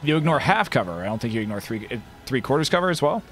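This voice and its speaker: A man game master talking over online group voice chat, with a medium-pitched voice. He narrates loosely and fills gaps with "um" and "like". Faint music runs underneath. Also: sing-song, fast, a bit bright. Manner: loose narration, many fillers. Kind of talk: running a tabletop game.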